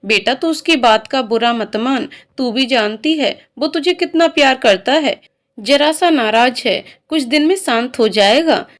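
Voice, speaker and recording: A woman's voice: high-pitched, lively intonation, a little slow. A woman reading as a firm, loving older mother. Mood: soothing. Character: stern loving older aunt-mother of the house. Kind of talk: storybook character reading.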